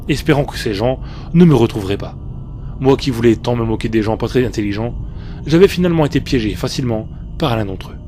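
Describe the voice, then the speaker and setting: A man reads a scripted first-person creepypasta as a narrator, with soft music behind him. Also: mid-range voice. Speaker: horror story narrator. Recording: faint music bed behind the voice. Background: soft background music.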